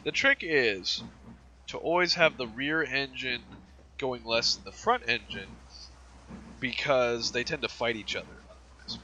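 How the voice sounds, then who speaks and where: A man with a sharp, very bright voice and middling pitch talks through a train game. He rambles casually, thinking aloud as he plays. A light wash of engine noise sits behind his words. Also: unhurried. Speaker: gamer showing a train simulator. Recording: noisy, with engine rumble behind the voice. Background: loud train simulator engine noise.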